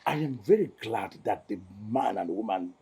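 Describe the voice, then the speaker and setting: A solemn, husky village elder. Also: male voice, on the low side, animated, moderate pace, warm tone, exaggerated voice. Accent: Nigerian. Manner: solemn, insistent, lecturing. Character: solemn older male elder of the council.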